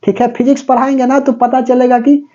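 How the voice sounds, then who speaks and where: A man's voice: very high-pitched, level tone, fairly quick, dark tone, dull audio. A male teacher giving a chatty classroom lecture, mixing English terms into his talk and often checking that students follow. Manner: mixes English terms into Hindi; breaks into snatches of song.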